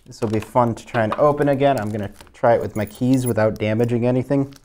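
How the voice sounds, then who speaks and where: A young man co-hosts a card opening at a table indoors. He speaks at an ordinary middle pitch, in a casual, slangy and joking way. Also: steady tone, fast talker, a little mellow. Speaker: card box opening co-host. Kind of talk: casual chat while opening trading cards.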